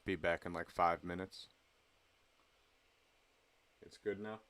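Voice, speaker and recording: A young man chatting casually on a late-night game stream, relaxed and rambling with lots of fillers. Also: low voice, slow.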